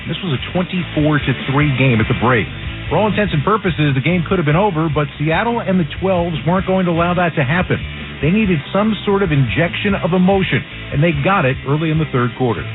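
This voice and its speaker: A man hosting a radio postgame show from a studio, narrating a recap of football highlights. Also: expressive, fairly quick. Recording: phone-like radio sound with music underneath.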